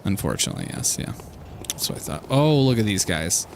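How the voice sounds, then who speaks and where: A man's voice: lowish voice, big pitch swings, fairly quick, vocal fry, slight background noise. A man giving casual, rambling commentary as he streams a video game, wry and musing, trailing off mid-thought.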